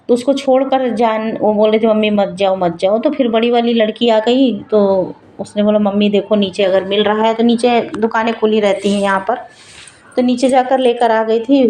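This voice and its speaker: Middle-aged woman, home vlogger: mellow, fairly high voice, chatty homely commentary from her kitchen. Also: a little hiss or hum, low-quality recording. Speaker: home cooking vlogger and mother. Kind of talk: casual vlog narration.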